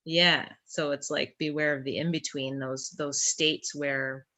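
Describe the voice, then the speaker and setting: A woman's voice: low-pitched, steady tone, measured pace, bright, forceful tone. A woman from England with an English accent, chatting casually as a podcast guest and thinking aloud. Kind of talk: casual conversation.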